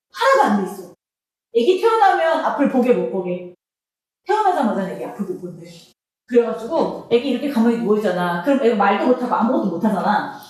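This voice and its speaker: A woman teacher explains an exam passage in a high voice, asking her students one rhetorical question after another. Her voice swings widely up and down. The recording rings with heavy echo. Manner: switches between Korean explanation and read-out English. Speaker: English teacher. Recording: very echoey room.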